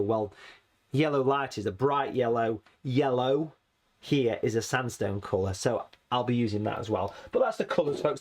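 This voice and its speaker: A man teaching watercolour painting in a chatty, friendly way, his voice a little hoarse and rusty from hay fever. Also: mid-range voice. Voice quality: rusty, slightly raspy. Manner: chatty, friendly, calls viewers folks. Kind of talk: casual painting tutorial.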